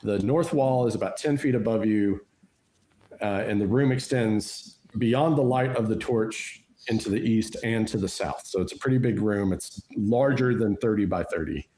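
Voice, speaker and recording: A man's voice: lowish voice, normal speed, dark tone, slight background noise. A man running a tabletop role-playing game as game master, explaining rules and describing scenes patiently with many fillers and restarts.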